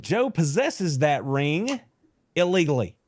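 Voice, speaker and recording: A man hosts a live sports podcast. His talk is folksy and full of teasing banter. His voice sits a bit high and swings widely in pitch. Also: very animated, slow pace, a little mellow. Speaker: podcast host. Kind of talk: casual live-stream sports chat.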